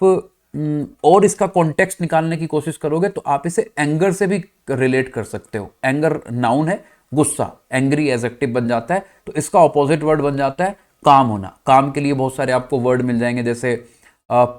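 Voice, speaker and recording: A man from India teaching an English vocabulary lesson in Hindi, often checking with his students if things are clear and spelling words out letter by letter. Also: medium pitch, darkish tone. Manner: addresses students as "bachcha party", checks "clear?".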